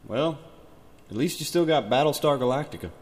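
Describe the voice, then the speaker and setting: A man's voice: medium pitch, animated, a little fast. Man voicing a cocky spaceman through a tin-can filter. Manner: boastful, swaggering, crude. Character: cocky, crude male spaceman musician from the future. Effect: tinny metal-can voice filter. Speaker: interviewee. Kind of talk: comic self-interview skit.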